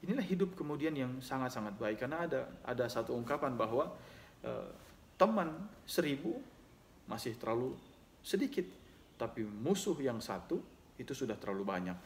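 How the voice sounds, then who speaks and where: A man's voice: mid-range voice, sing-song, moderate pace, pauses often, slight background noise. A man giving a religious lesson, reciting Arabic hadith text and then explaining it at length, often adding "ya" between phrases. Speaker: Islamic teacher.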